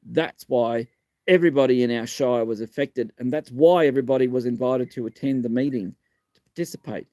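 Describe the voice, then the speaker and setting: An Australian man in his fifties, missing a front tooth, hosts a live stream as a community advocate, fielding viewer questions on politics. His mid-range voice is brisk and dark-toned, with no room sound, and he talks in blunt, emphatic, sweary short phrases.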